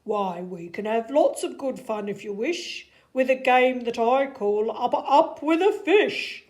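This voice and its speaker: A woman voicing a playful, boastful male trickster cat in a children's storybook, with showy emphasis and drawn-out words. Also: fairly high pitch, animated, darkish tone. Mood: breezy, reassuring. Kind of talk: animated children's storybook reading.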